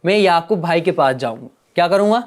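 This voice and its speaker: A man teaching a religious lesson to children, gently coaxing them with repeated questions. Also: on the high side, animated.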